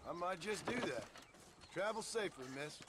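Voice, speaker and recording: A man's voice: high-pitched, lively intonation, normal speed, noisy background. A man playing a polite but tough drifter gunslinger in a western video game, laconic and dry. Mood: dry, courteous.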